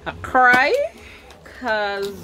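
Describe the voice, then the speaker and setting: A woman's voice: a little high, fairly even intonation, extremely slow, background noise. A young woman with a Guyanese Creole accent tells a personal story in casual chat, repeating words for emphasis. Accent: Guyanese Creole English. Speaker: vlogger.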